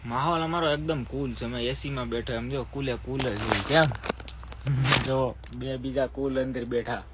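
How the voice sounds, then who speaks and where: A man's voice: medium pitch, steady tone, normal speed, heavy background noise. A man who runs a shop and hosts a live sale from the air-conditioned shop floor. He sounds sleepy and chats with viewers, breaking off to give his staff orders. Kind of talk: live-stream sales talk.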